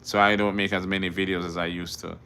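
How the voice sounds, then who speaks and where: A fast-talking middle-aged Jamaican man, a driving instructor, reads viewer questions aloud during a casual livestream and answers them plainly. His low voice is clean, pushed and bright, yet flat in delivery, and he keeps repeating words and starting over.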